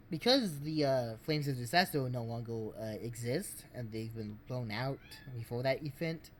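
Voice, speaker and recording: A man streaming, giving casual game commentary in a rambling, halting way. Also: mid-range voice, darkish tone, a little hiss or hum.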